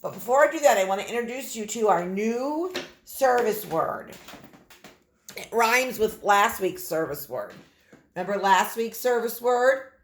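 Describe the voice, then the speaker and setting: A woman's voice: mid-range voice, expressive, unhurried. A woman kindergarten teacher giving a phonics lesson to young children, sounding out and repeating words with exaggerated emphasis and encouraging them directly.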